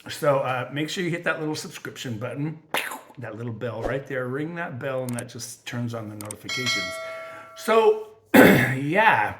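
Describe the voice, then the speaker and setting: A man's voice: mid-range voice, lively intonation, moderate pace. A man chats casually to viewers of his crafting channel, rambling from one thing to the next. His voice is scratchy from allergies. He talks in a loose, friendly way, full of fillers. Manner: chatty, rambling, with frequent fillers. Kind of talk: casual vlog chat.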